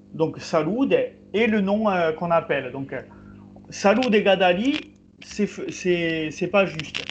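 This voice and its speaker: A man teaching a group language class over a video call, explaining slowly with many pauses and fillers. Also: sits high, slight background noise. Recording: slightly muffled video call audio.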